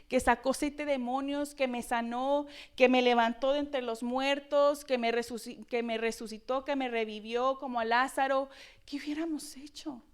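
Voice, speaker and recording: A woman preacher delivering a Sunday sermon with expressive, dramatic rhetorical questions. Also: sits high.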